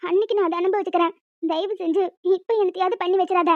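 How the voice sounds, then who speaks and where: A woman's voice: very high-pitched, fairly even intonation, fast, dry recording. A woman voicing a remorseful young woman. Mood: pleading. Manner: earnest, emotional pleading. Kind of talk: amateur cartoon voice acting. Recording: dry, dull lo-fi recording.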